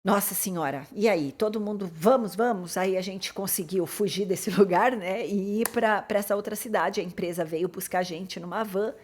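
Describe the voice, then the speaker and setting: Animated Brazilian woman telling a story. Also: normal speed, hardly any pauses. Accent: Brazilian Portuguese. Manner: animated and expressive, pitch and loudness swinging as the story builds. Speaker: life coach. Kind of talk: personal storytelling monologue.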